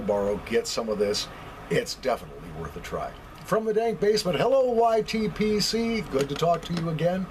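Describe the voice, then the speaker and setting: A man's voice: on the low side, noisy background. An American man giving a casual, conversational review to camera, repeating phrases for emphasis. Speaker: pipe tobacco reviewer. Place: basement.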